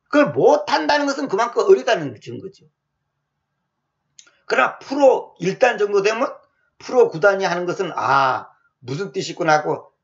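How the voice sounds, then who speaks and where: A male pastor preaching a sermon in a colloquial, animated way full of rhetorical questions. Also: high-pitched, creaky. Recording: muffled lo-fi sound.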